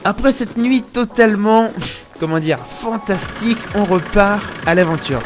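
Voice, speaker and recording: A man's voice: high-pitched, a little slow. Young man vlogging with music behind. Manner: informal French youth slang. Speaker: travel photography vlogger. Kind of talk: casual vlog narration.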